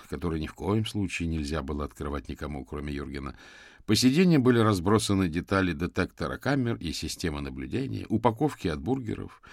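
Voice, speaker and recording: A man reads an audiobook thriller in a very deep, low voice. The delivery is even and scripted, and the sound is dry and close to the mic. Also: gravelly, dry recording. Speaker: audiobook narrator. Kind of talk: scripted narration.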